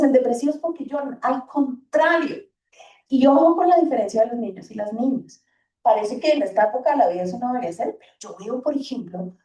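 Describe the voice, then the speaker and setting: Animated woman speaking in an echoey hall. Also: high voice. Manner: lively, animated, acts out children's and parents' lines. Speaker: school talk speaker for parents. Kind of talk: parenting talk to an audience. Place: hall or gym. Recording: echoey room, voice from far off.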